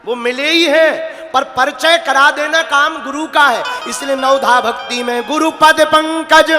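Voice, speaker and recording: A man's voice: very high-pitched, unhurried, music in the background. A man preaching a devotional sermon, telling stories and breaking into sung verses, addressing a crowd. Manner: storytelling, acts out characters, breaks into song. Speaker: katha preacher. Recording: reverberant hall recording.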